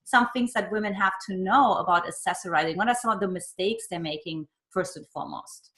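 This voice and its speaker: A woman's voice: mid-range voice, brisk, fairly bright tone, echoey room. A woman hosting a casual interview, upbeat and enthusiastic. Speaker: podcast host.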